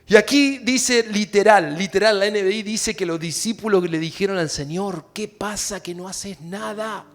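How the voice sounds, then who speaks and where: This pastor's voice is high, his pace moderate, and he rarely pauses. Preaching in an Argentine Spanish accent, he talks directly to the congregation and swings between hushed tones and loud, passionate passages.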